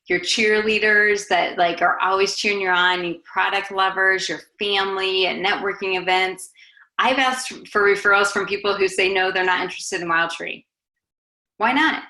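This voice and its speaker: A woman's voice: medium pitch, fairly even intonation, moderate pace, sharp tone, reverberant, poor audio. A woman giving a sales training talk, coaching her listeners in a conversational way and acting out sample lines. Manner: coaching, conversational, demonstrates scripts aloud. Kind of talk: training presentation.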